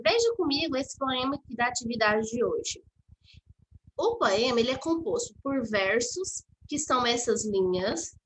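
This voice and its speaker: A woman's voice: fairly high pitch, fairly bright tone, a little hiss or hum, poor audio. A woman with a Brazilian Portuguese accent, giving a patient step-by-step lesson to children as their teacher. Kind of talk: online class lesson.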